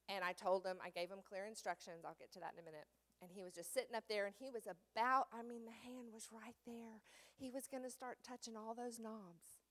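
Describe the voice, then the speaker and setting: A woman's voice: mid-range voice, fairly bright tone. A middle-aged woman giving a teacher training talk in a church, telling classroom stories and acting out the children and her own commands. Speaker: children's Sunday school teacher.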